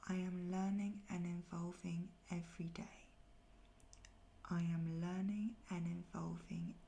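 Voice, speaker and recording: Soft woman doing a whispered pep talk, asmr affirmations, slow n flat, bit of fry, faint noise behind her. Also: on the low side. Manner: soft, breathy near-whisper; slow, repeated phrases with pauses.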